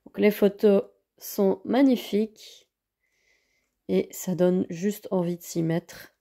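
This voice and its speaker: A woman's voice: mid-range voice, fairly even intonation, takes it slowly, vocal fry, dark tone. A woman vlogger casually reviewing books, hesitant with many fillers.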